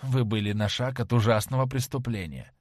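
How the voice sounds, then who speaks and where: A man voicing a young gentleman in an audiobook, tense and urgent in his speech. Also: medium pitch, brisk, no echo, clean studio sound, lightly acted. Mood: stern. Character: young gentleman, frightened then cold and haughty.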